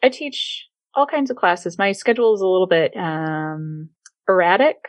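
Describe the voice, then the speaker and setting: A woman in her thirties playing a tabletop role-playing game, speaking in a hesitant, halting way. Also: fairly low pitch, no room sound. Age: 30s. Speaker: player. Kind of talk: casual chat in a tabletop game.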